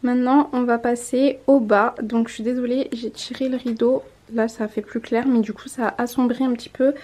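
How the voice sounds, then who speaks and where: In a room at home by the window, a mom vlogger in her twenties casually presents clothes to the camera for a haul vlog, correcting herself now and then. She has a fairly high, dark voice with a steady tone and a normal pace.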